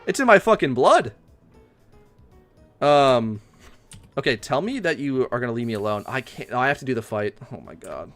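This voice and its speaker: A young man livestreaming a game, chatting casually, swearing and ranting loudly at it. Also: medium pitch, brisk, soft background music. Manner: excitable, swears often, rants loudly at the game. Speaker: streamer.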